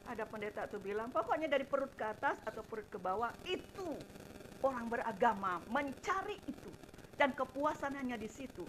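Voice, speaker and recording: A middle-aged woman preaching an impassioned sermon, swinging between loud emphasis and quiet asides, addressing her congregation directly. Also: fairly high pitch, expressive, fairly quick, a little hiss or hum, rough recording. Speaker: evangelist preacher.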